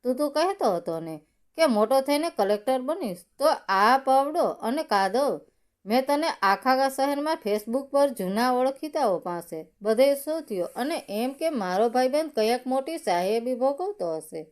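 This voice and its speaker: A woman's voice: high-pitched, animated, unhurried. A woman voicing a wealthy male businessman who speaks earnestly and emotionally to an old friend. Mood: tearful, earnest.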